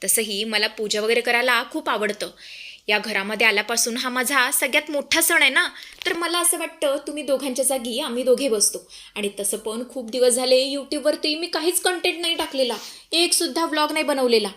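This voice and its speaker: A woman's voice: high voice, moderate pace, sharp tone. A woman voicing a showy, self-absorbed young bride who vlogs, chirpy and pushy. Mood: eager.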